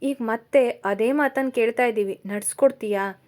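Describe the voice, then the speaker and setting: A woman's voice: fairly high pitch, moderate pace, a little mellow, close to an everyday voice. A woman voicing a worried, tearful middle-aged mother who pleads with her son in a storybook reading.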